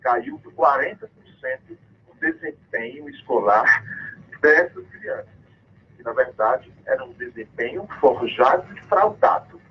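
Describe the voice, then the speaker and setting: A husky man phones into a radio program, his voice crackling and dropping out on a dull, lo-fi line. He talks in a swooping, lively pitch, pressing his points hard and defiantly. The sound is muffled, like a cordless phone piped straight into the studio. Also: measured pace. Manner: emphatic, accusatory, defiant. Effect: crackly, cutting-out phone line. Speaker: caller to a radio show. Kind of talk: impassioned phone-in denunciation.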